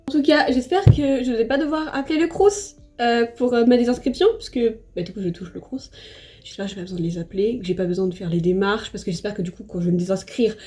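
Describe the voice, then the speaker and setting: A young woman from France chats casually while doing her makeup at home, rambling and laughing at herself, restarting sentences and filling gaps with hesitations. Her voice sits a little high but sounds soft and mellow, with quiet music underneath. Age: young adult. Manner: chatty, rambling, self-deprecating, with many fillers and restarts. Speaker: vlogger. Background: soft background music.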